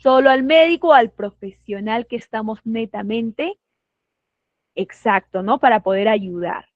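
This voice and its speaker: Peruvian woman as nursing instructor, high voice, lively questions to the class, muffled dry sound. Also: dry recording. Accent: Peruvian Spanish. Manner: acts out patients and staff in quick put-on voices; asks the class questions and affirms their comments. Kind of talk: online class lecture.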